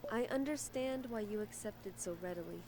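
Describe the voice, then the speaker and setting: An actress playing a polite, earnest adventuring companion in a video game, speaking in a measured, formal way. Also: female voice, medium pitch, noisy background, lightly acted. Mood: earnest, curious. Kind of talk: game voice acting.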